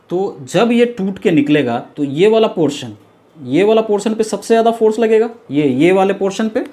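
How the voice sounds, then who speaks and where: A man whose voice is on the high side with a darkish tone teaches an engineering class in lecture form. Step by step, he explains concepts, repeats the key terms, and answers his own questions, blending English technical phrases into his speech.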